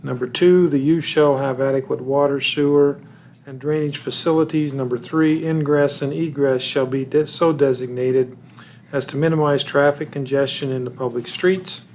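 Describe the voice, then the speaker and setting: A mid-pitched man reading a long formal motion in a council chamber, steady and deliberate through the legal clauses. A faint background hum is present. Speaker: city council member.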